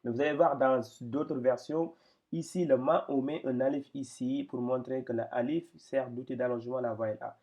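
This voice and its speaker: Gravelly man teaching, patient and halting. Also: mid-range voice, fairly even intonation, darkish tone, highs cut off. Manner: patient, hesitant, repeats words while pointing at text. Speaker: Quran reading teacher. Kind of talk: explanatory lesson.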